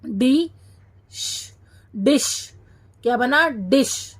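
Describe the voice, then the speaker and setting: A woman teaching a children's phonics lesson, sounding out each syllable slowly and repeating every word. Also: high-pitched, expressive.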